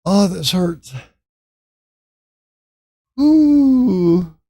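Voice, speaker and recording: An older man hosting a gaming livestream, joking with his viewers and dissolving into laughter between lines. His pitch jumps around a lot as he talks, yet he speaks at an unhurried, slow pace. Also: lively intonation, mellow. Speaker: gaming streamer. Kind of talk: casual livestream chat with viewers.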